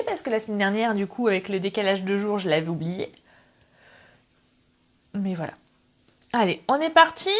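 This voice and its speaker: A middle-aged woman hosting a casual live craft tutorial, chatting with viewers and greeting them by name between steps. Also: high-pitched. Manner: chatty, greets viewers, self-deprecating asides. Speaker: craft livestream host. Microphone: camera on tripod.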